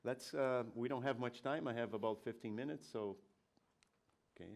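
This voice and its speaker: A man from Brazil with a cold and a stuffy nose, giving a conference presentation in a hesitant, polite and measured way. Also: medium pitch, vocal fry, a little mellow. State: has a cold. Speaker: communications director giving a presentation. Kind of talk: prepared conference talk, spoken off the cuff.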